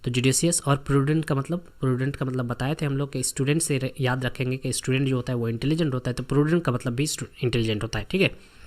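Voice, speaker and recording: A man's voice: medium pitch, steady tone, fast. A man from India teaching a vocabulary lesson for exam students, repeating word lists and memory tricks with frequent check-ins.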